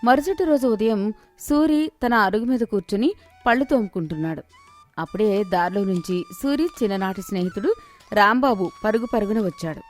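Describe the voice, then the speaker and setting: A woman narrating a moral story for an animated series in an expressive storytelling manner. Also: mid-range voice, moderate pace, faint music behind.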